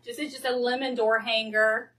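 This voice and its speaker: A woman's voice: on the high side, flat delivery, fairly bright tone. Chatty Southern woman from Georgia. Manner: chatty, gushing, quick to laugh. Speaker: wreath-making host. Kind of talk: casual livestream chat. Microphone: phone.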